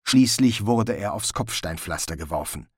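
A man narrating an audiobook in an expressive storytelling style. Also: on the low side, moderate pace, slightly rough, dry recording, studio quality.

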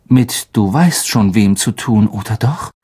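A woman's voice: very deep voice, lively intonation, measured pace, dark tone, husky, exaggerated voice. A woman voicing an earnest, worried twelve-year-old boy wizard who speaks hurriedly and sometimes stammers.

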